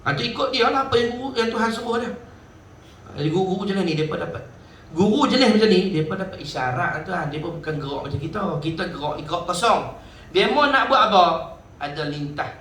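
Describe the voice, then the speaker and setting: High, bright-voiced preacher. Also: male voice, fast, slight background noise. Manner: animated storytelling, acts out quoted voices. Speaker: religious teacher. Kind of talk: sermon. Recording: echoey room, distant mic, faint ambience.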